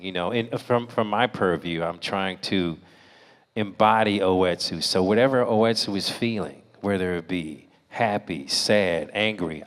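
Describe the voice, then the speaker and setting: A male voice actor answering fan questions on a convention panel, animated and playful. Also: low voice. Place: large convention hall. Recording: echoey convention hall.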